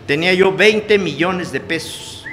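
A man with a Mexican accent tells his story to a gathered audience, cursing freely and dropping from loud emphasis to quiet confession. His voice sits high and bright. It rings through a reverberant hall with a faint hum of noise behind it. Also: measured pace. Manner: earthy, swears freely, shifts between loud emphatic and low confiding. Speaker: speaker sharing his testimony at a recovery meeting. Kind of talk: personal testimony to an audience.

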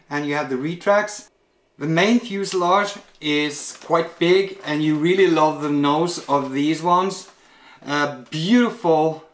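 Roomy-sounding man reviewing a model plane. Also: on the high side. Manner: relaxed, hesitant with many filler sounds. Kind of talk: product unboxing review.

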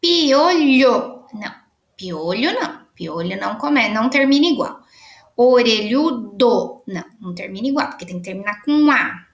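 A woman's voice: mid-range voice, lively intonation, fairly quick, vocal fry, a bit bright, roomy sound. A Brazilian woman teaching young children in an online literacy lesson, patiently stretching out words as she marks them. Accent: Brazilian Portuguese.

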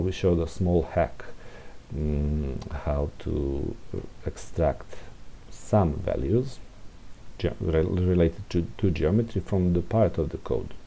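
A man with a low, mellow voice speaks slowly, thinking out loud as he presents a programming tutorial. It's an informal, unscripted screencast where he walks through code. A room heater hisses in the background.

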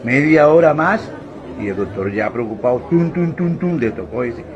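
A man telling a string of spoken jokes as a comedian, animated and switching into character voices. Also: medium pitch, normal speed, muffled recording, crowd noise, noisy background.

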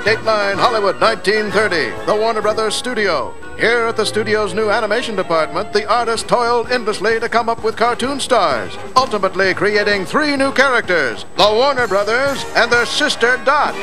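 A grand, brisk 1930s newsreel announcer, played by a man for a cartoon, booming out his dramatic lines in a high voice. Music plays under him the whole time. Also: close to an everyday voice. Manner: punchy, dramatic announcer delivery.

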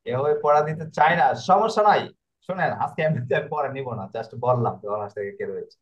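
A man's voice: medium pitch, very animated, quick pace, dull audio. A man teaching Italian pronunciation in an online class. He explains in a repetitive way and keeps checking with his students.

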